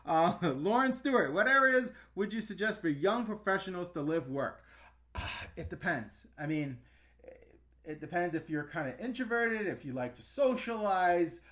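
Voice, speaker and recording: A man's voice: high-pitched, lively intonation, normal speed, fairly bright tone. A man in his thirties from the New York and New Jersey area, hosting a casual livestream Q&A, frank and loose with frequent ums and laughs. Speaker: channel host answering live chat.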